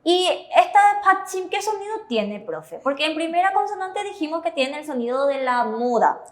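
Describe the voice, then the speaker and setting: On a televised Korean lesson, the co-host is a woman with a Paraguayan Spanish accent who asks the teacher questions and signals approval of the answers, classroom style. She speaks high with big pitch swings at a moderate pace, and the room is echoey.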